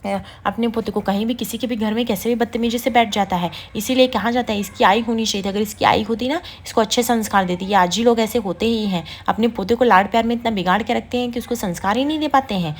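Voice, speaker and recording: A woman voicing a loud scolding matriarch. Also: on the high side, fast talker, few pauses, lightly acted. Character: scolding proud middle-aged woman, house matriarch.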